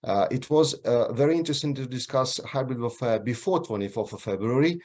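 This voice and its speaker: A man from Ukraine, moderating an online panel over a video call, halting often with filler sounds and restarts. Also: mid-range voice, a little mellow.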